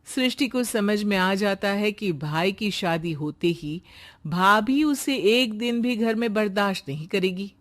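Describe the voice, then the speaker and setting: A woman's voice: medium pitch, measured pace, a little hiss or hum. A woman narrating a scripted moral story as a storyteller.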